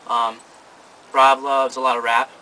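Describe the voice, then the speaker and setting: Bright-voiced joking teenage man. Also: mid-range voice, level tone, unhurried. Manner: joking, chiming in. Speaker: band guitarist and singer. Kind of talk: casual interview chat. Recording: faint noise, from some distance.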